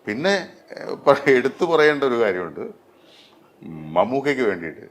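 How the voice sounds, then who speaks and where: A middle-aged man, a dubbing artist, talking in an interview with many pauses and fillers. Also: medium pitch, lively intonation. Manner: hesitant, many fillers and restarts. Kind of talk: interview conversation.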